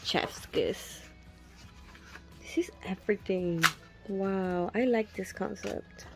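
With faint music playing, a young woman with a medium-pitched voice and fairly even intonation takes her time unboxing a photobook. She's gushing and casual, letting out breathy gasps and soft whispered comments as she looks at every picture.

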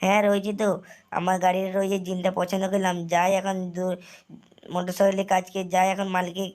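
A woman's voice: mid-range voice, completely flat delivery, fast talker, darkish tone. A woman narrating a first-person game story in a rambling, repetitive way, speaking straight to viewers. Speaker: gaming channel narrator.

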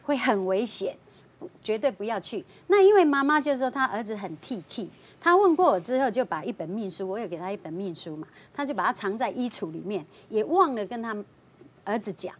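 A woman with a fairly high, husky voice, telling a story on a talk show. She is lively and acts out the voices of the people in it, and her voice has a slight breathy roughness. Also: a little fast. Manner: lively storyteller, voicing clients and police. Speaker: fortune-teller guest.

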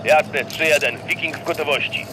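A man voicing a military support pilot who gives brisk, clipped callouts over a radio transmission in a dubbed video game. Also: on the high side, noisy background. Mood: crisp.

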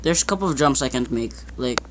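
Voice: mid-range voice, lively intonation, quick pace. A young adult gamer giving casual, bantering, self-mocking commentary over gameplay in an amateur recording. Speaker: gaming video maker. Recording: noisy amateur game recording.

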